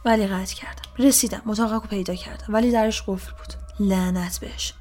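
A woman's voice: mid-range voice, fairly even intonation. A woman reading a first-person horror story aloud, often sinking into a whisper. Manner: hushed, often dropping to a whisper. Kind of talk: scripted horror narration.

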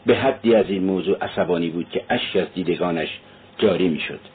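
A man narrating an audiobook in a steady, solemn reading. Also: low voice, a little hiss or hum. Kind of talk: scripted narration. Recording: tinny phone-like sound.

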